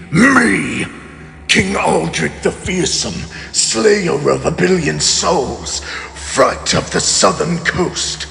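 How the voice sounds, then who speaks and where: A man's voice: high voice, vocal fry, a bit bright, heavily acted. A man playing a haughty, betrayed immortal king in a fantasy audio drama, pompous and sardonic in formal archaic speech. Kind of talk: dramatic audio roleplay monologue. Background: music.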